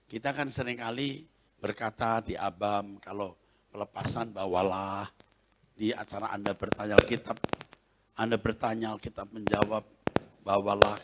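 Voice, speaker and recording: A male pastor preaching a sermon with animated storytelling, often laughing and acting out scenes, in a convention hall. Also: lowish voice, moderate pace, very noisy. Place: large convention hall, Christmas service.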